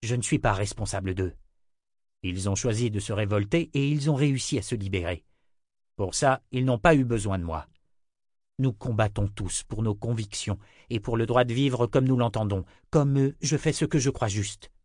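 A man's voice: fairly low pitch, moderate pace, darkish tone, dry recording, studio quality, natural voice. A man doing a grave, resolute hero.

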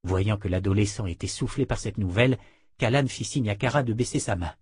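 Husky man reading an audiobook. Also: lowish voice, no echo. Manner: even, unhurried storytelling. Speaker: narrator. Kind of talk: audiobook narration.

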